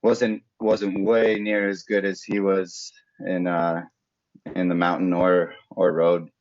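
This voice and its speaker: In dull, lo-fi audio, a native Slovak-speaking man from Slovakia, a former pro road cyclist turned mountain bike racer, is interviewed in a casual chat and often gropes for words. His voice is low and a little mellow, with a completely flat delivery at a slow pace.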